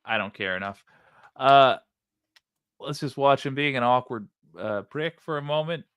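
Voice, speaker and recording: A man's voice: mid-range voice, unhurried, a bit bright, clear, resonant tone, no room sound. A man hosting a livestream with casual, crude, sardonic commentary while reading out viewer comments. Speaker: livestream host.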